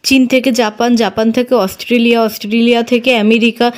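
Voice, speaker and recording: Evasive young man, pleading excuses, high-pitched, brisk, read by a woman. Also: level tone, natural voice. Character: evasive young man hiding his past.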